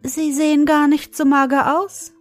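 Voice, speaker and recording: A woman's voice: high-pitched, flat delivery, measured pace, dry recording, faint music behind, pitched above the performer's own voice. A woman voicing a whiny, hungry female mouse who pleads and wails in a storybook reading. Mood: pleading. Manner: wailing, pleading and sobbing.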